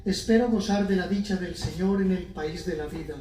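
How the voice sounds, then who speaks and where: A man's voice: high-pitched, normal speed, dark tone. A man reading scripture and psalms as a lector, solemn and formal, in an echoing church. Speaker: lector at Mass. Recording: echoey church, distant mic, faint noise.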